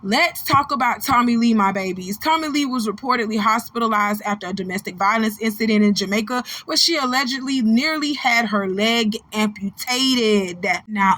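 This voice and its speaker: A woman with an American accent hosting a gossip channel, talking casually to followers in a sassy, blunt, slangy way and repeating phrases for emphasis. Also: medium pitch. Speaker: host of a gossip video channel.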